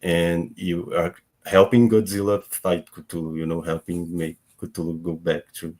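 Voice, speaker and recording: Deep-voiced halting male developer. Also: level tone, darkish tone. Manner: halting, repeats words as he starts sentences. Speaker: game developer guest. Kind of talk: livestream panel chat.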